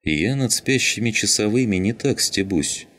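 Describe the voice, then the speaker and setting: A man voicing a bearded military sailor who threatens in a calm, cold tone. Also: fairly low pitch, normal speed, voice pushed up. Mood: menacing. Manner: calm, menacing.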